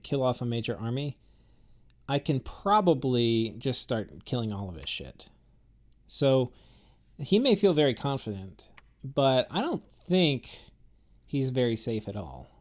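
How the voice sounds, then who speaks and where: A man's voice: medium pitch, very animated, measured pace, a little mellow. A man giving casual, rambling commentary on a strategy game he is playing, thinking aloud with many fillers and restarts. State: has the hiccups.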